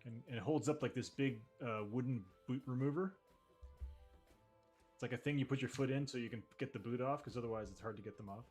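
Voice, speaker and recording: A man with an average-pitched voice narrates a tabletop game as game master. He improvises casually, rambling and pausing as he goes. Soft music sits in the background. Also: breathy edge. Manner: halting, rambling.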